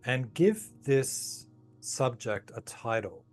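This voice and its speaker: A man calmly leading a guided tapping session, giving slow, soothing instructions. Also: medium pitch, faint music behind. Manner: calm, slow, soothing guidance. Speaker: tapping practitioner.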